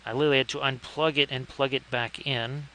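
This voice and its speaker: A man casually chatting through a live stream, tossing in wry asides and thanking his viewers. His voice is bright and forward at a middling pitch, with a faint room hum behind him. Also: fairly even intonation, a little fast. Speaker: live-stream host painting miniatures.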